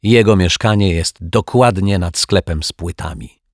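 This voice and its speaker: A man's voice: sits low, measured pace, dry recording, clean studio sound. A man voicing a fussy, breathless male neighbour in a storybook. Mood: worried. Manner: puffing, breathless.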